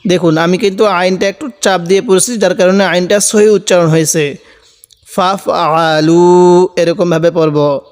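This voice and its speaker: A man with a high, smooth, resonant voice teaches Quran reading at a slow, deliberate pace. He spells each word letter by letter and draws out the recited syllables. A long reverb trails after his voice. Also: steady tone.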